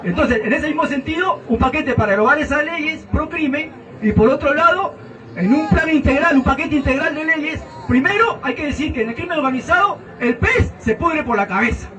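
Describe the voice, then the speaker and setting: A man's voice: extremely high pitch, lively intonation, a little fast, a crowd in the background. A Peruvian man giving a fiery, mocking campaign debate speech as a senate candidate. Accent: Peruvian Spanish. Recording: distant outdoor recording.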